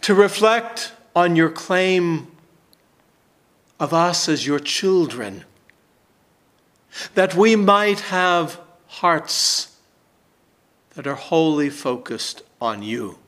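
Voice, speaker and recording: A man in his sixties, a pastor, reading scripture and praying in a slow, measured, emphatic way in a church sanctuary. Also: fairly high pitch, animated, a bit bright.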